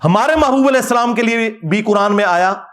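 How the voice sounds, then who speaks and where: A man giving an animated, mocking religious rebuttal lecture as a preacher. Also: very high voice, a little fast. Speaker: Islamic preacher.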